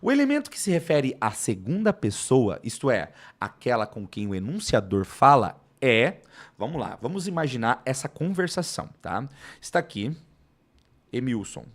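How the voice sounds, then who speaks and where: A lively man with a Brazilian Portuguese accent is teaching a live online class. His pitch rises and falls a lot as he explains grammar rules. He keeps asking himself questions and answering them. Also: normal speed. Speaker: Portuguese teacher for exam prep.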